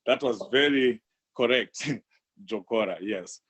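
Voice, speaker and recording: A middle-aged man from Zimbabwe, answering interview questions in a measured, halting way. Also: medium pitch, a bit bright, husky. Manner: measured, halting, many pauses. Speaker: guest, human rights activist.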